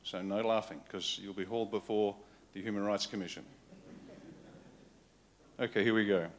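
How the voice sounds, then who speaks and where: A man's voice: lowish voice, fairly even intonation, normal speed, a little hiss or hum. An Australian man giving a political keynote speech at a conference, blunt and wry in short punchy phrases. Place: conference hall with live audience.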